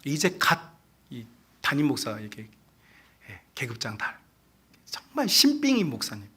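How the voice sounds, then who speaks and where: Lively, bright-voiced male pastor. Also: mid-range voice, normal speed, slightly rough. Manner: lively storytelling, swinging from hushed asides to excited, loud passages. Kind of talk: sermon.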